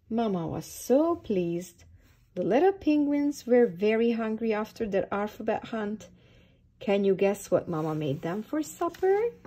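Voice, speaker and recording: A woman reads a picture book to small children in an unhurried, sing-song way. Her voice rises and falls widely and has a mellow, slightly husky tone. She often stops to ask the little listeners questions. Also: fairly high pitch. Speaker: early years storytime reader.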